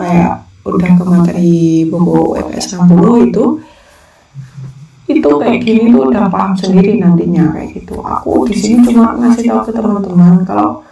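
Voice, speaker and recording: A teacher with a gravelly, mellow voice talks through a casual lesson, relaxed and repetitive. The sound is roomy and a little distant from the mic. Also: mid-range voice. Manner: relaxed, chatty explaining with frequent repetition. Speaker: Korean language teacher.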